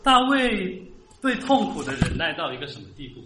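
A man's voice: fairly high pitch, very animated, normal speed, reverberant, noisy background. A man preaching a sermon as pastor, earnest and rising to emphatic peaks.

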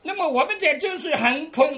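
A woman preaching a sermon to her congregation, padding phrases with drawn-out "ah" fillers and asking listeners rhetorical questions. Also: high-pitched, expressive, fairly bright tone.

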